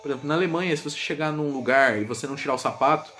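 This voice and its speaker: A man's voice: a little high, very fast. A man who teaches languages, casually explaining words in a vlog and repeating example words aloud, with many fillers. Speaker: language teacher and video creator. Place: home room with a gaming setup. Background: music playing softly in the background.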